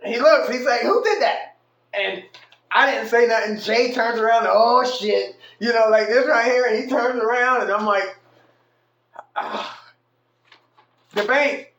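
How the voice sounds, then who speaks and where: A man telling a casual story about his own night out, animated and slangy, swearing freely. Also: very high-pitched, moderate pace. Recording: echoey room.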